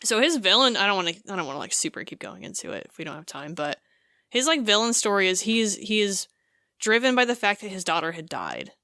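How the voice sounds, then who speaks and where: A woman co-hosting a podcast, recounting a game scene in casual chat, animated and full of fillers. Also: mid-range voice, fast, dry recording, clean studio sound. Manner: animated storytelling with many fillers. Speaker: podcast co-host.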